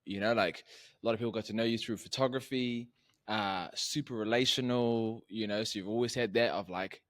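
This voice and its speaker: A man's voice: fairly low pitch, steady tone, a little fast, a bit bright. A man hosting a casual podcast interview, upbeat and enthusiastic, with lots of fillers and laughter. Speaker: podcast host.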